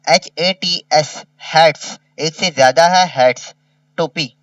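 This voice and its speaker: A man's voice: on the high side, a bit bright, no room sound, far from the mic, muffled recording. A man teaching a kindergarten revision lesson. He spells each word letter by letter and repeats it. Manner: slow, spells words letter by letter and repeats them.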